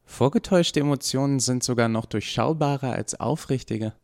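A man's voice: medium pitch, moderate pace, darkish tone, pitched above the performer's own voice, lightly acted. A man voicing a curious, blunt young woman in hospital who asks direct, puzzled questions.

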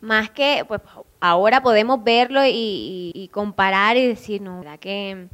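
A woman's voice: medium pitch, a little slow, fairly bright tone. A young woman with a Colombian Caribbean coast accent, telling stories in conversation, laughing often and acting out voices. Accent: Colombian Caribbean coast (Córdoba). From Córdoba, Colombia. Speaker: singer, guest. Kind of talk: lively conversational storytelling.

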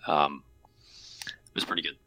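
A man's voice: measured pace, sharp tone, faint music behind, rough recording. A man co-hosting a podcast, talking casually and repeating himself as he explains things. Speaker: podcast co-host. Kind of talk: casual chat.

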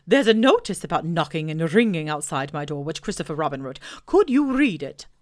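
Woman doing a loud, fussy, know-it-all old owl; storybook reading. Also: deep voice, sing-song, a little fast. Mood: pompous. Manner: loud, fussy and self-important. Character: pompous self-important old male owl.

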